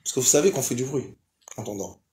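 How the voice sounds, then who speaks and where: A man's voice: medium pitch, fast talker. A man in his fifties or older, a rabbi telling a story to a live audience, acting out the dialogue and laughing as he tells it. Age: 50s or older. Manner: animated, acts out dialogue, laughs while telling. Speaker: rabbi giving a lecture. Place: lecture hall. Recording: echoey lecture hall, faint noise.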